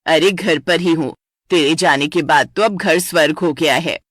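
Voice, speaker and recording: A woman voicing a teasing middle-aged mother in a cartoon story. She speaks lower and jokes bluntly. The sound is dry and close. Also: moderate pace, a bit bright, no echo. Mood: joking. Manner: teasing, joking. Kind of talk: animated story voice acting.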